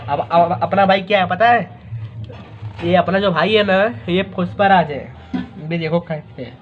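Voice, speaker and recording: A man's voice: high voice, a little slow, faint music behind. A young man from Maharashtra teaching accounting in a casual, joking lecture, calling his students "bhai". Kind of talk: informal recorded lecture. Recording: slightly dull recording with faint noise.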